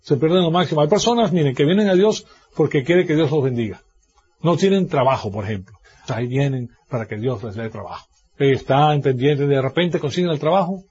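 A man's voice: mid-range voice, expressive, a little fast, a little mellow, slightly rough, dull audio. A man preaching a sermon as a pastor, now and then mimicking the people he criticizes. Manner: preaching with mocking mimicry of others.

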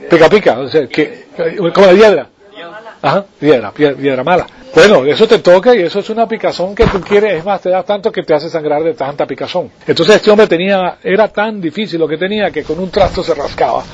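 A man's voice: on the high side, a little fast, darkish tone, a little hiss or hum. A man preaching a sermon in a conversational way, often checking with his listeners for agreement. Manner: conversational, asks the listeners for assent. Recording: dull lo-fi recording.

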